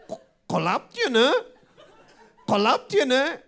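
A man voicing a brash teenage girl on a train who talks loud street slang. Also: extremely high pitch, sing-song, slow pace, pitched above the performer's own voice, full character voice. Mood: slangy.

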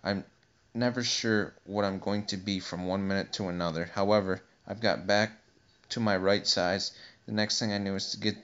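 A man's voice: on the low side, steady tone, moderate pace, fairly bright tone. A man voicing a polite, curious young girl in an audiobook, speaking timidly and earnestly. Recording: dull lo-fi recording.

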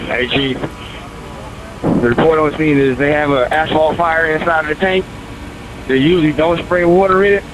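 A man's voice: on the high side, steady tone, normal speed, long pauses. A man who is a firefighter, giving informal, matter-of-fact reports from the scene by emergency radio. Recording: noisy fireground radio with engine hum.

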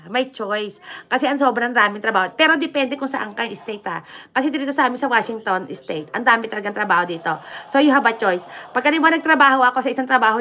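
A woman's voice: a little high, bright, forceful tone. A woman from the Philippines with a Filipino accent, chatting casually with viewers on a livestream, switching between Tagalog and English and laughing often. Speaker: livestream host.

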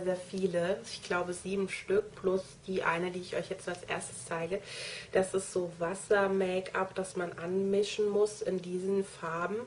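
In a relaxed show-and-tell vlog, a young woman training as a make-up artist presents her kit, talking eagerly straight to her viewers in a lowish voice. Some hiss or hum runs under the recording.

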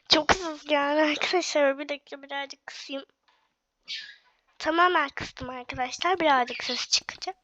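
A woman's voice: high voice, a little slow, long pauses, dull audio. A young woman hosting her own game video, chatting to viewers in a casual way while sick with a cough. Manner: chatty, addresses viewers directly. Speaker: gaming channel host.

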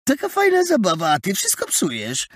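A man voicing a loud, mocking teenage boy bully in an audiobook, with jeering sing-song taunts. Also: high-pitched, sing-song, measured pace, no room sound, studio quality, voice pushed up, heavily acted.

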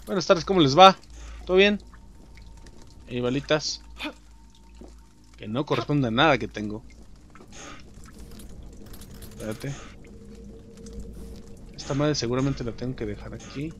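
A young adult man with a Mexican accent, commenting on his own gameplay in slangy, swearing chatter, shouting and taunting enemies. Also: medium pitch, unhurried, pauses often, background noise. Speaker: gameplay streamer. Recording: music playing behind the voice.

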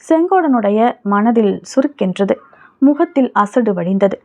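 A woman narrating a novel as an audiobook reader, in steady storytelling. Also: a little high, unhurried. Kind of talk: scripted narration. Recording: tinny phone-like audio.

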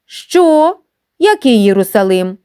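A woman's voice: mid-range voice, sing-song, unhurried. A woman voicing a stern male village schoolteacher who snaps harsh questions at a pupil in a storybook reading.

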